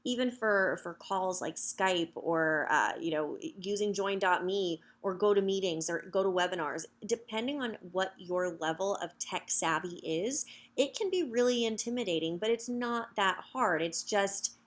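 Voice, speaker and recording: A woman's voice: mid-range voice, moderate pace, hardly any pauses. Upbeat chatty woman in her thirties. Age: 30s. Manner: upbeat, chatty, many fillers. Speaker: social media coach. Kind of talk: direct-to-camera sales pitch.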